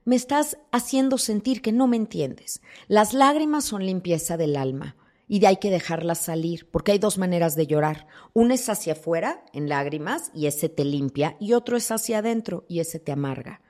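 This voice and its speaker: A woman with a somewhat low voice talks as a thanatologist in a podcast interview. She explains warmly but firmly, slipping into little acted voices when she quotes people. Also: moderate pace. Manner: expressive, acts out quoted voices. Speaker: thanatologist guest. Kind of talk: interview conversation.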